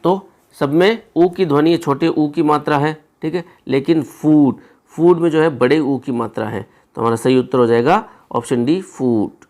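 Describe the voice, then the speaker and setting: A man's voice: fairly high pitch, a little slow, a little mellow. A man teaching and explaining an exam paper step by step, repeating words and checking in with his listeners often. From India.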